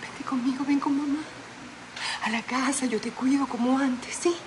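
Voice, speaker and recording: A woman's voice: high voice, fairly even intonation, normal speed, noisy background, lightly acted. A woman playing a tender, pleading mother. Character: tender middle-aged mother pleading with her daughter. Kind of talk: telenovela acting.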